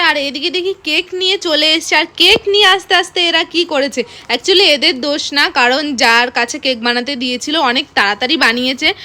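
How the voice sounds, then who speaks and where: A woman vlogger narrating a family restaurant outing in a chatty, lively voice-over. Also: high voice.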